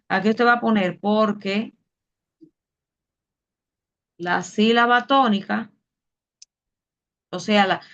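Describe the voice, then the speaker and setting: A woman's voice: medium pitch, fairly bright tone, lo-fi sound. A woman teaching a class, explaining patiently step by step and asking her students questions. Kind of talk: online Spanish class.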